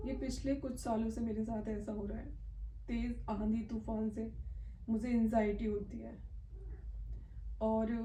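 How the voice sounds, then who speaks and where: A woman's voice: on the high side, dark tone, recorded from a distance, slight background noise. A woman talking in a casual personal vlog at home, earnest, emotional and confiding. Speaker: vlogger. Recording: echoey room, voice from off-mic.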